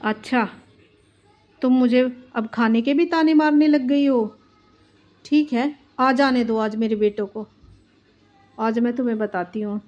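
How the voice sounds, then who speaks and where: A woman's voice: a little high, unhurried, long pauses, a little mellow, close to an everyday voice. A woman voicing an overworked elderly mother-in-law who complains about her daughters-in-law. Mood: indignant. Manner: complaining, self-pitying. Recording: dull lo-fi with faint music.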